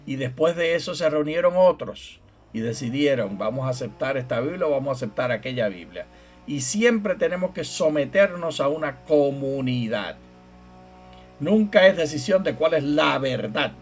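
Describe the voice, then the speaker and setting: With soft music playing underneath, this middle-aged co-host of a Bible study show, a professor and theologian, explains patiently, teases, and keeps steering the discussion back on track. He speaks at a normal speed in a mid-range voice with lively intonation.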